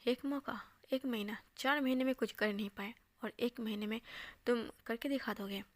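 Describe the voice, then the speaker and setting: A woman's voice: a little high, moderate pace, no echo, close to an everyday voice. Woman reading as a sneering cruel rich man. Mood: mocking.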